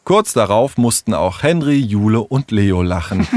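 Guy reading a kids' audiobook, super lively intonation, dry close sound. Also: fairly low pitch, normal speed, no echo. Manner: expressive, storytelling. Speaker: narrator. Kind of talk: storybook audiobook narration.

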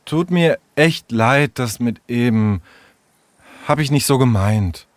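A man's voice: fairly high pitch, big pitch swings, no room sound, voice pushed up. A man voicing a bossy, headstrong young girl in a storybook reading. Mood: sheepish. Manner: pushy, quick-tempered.

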